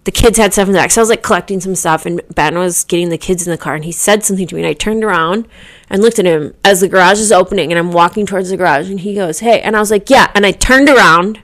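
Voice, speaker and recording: A woman's voice: on the low side, fast, fairly bright tone. A woman in her thirties co-hosting a casual podcast, telling everyday mom stories with lots of fillers and restarts. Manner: chatty, storytelling with many fillers and restarts. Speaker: podcast co-host. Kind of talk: casual chat.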